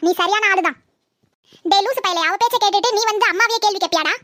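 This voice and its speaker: Someone playing a shrill bossy old mother-in-law. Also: fast talker, sharp tone, a little hiss or hum. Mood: wounded. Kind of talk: comedy skit acting.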